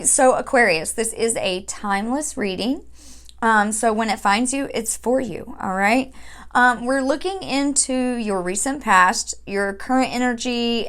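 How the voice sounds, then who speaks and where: Chatty higher-voiced woman reading tarot. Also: vocal fry, fairly bright tone. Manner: chatty, checks in with listeners with frequent "okay?"; slow, drawn-out invocations to spirit guides. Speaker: tarot reader. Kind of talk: casual spiritual tarot reading.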